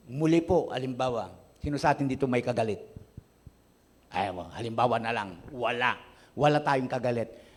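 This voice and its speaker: A Filipino man preaching a sermon as pastor, often asking the congregation questions and answering them himself. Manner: addresses the congregation often, asks questions and gives its replies; rises from quiet, low delivery to loud, high, emphatic preaching. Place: church service.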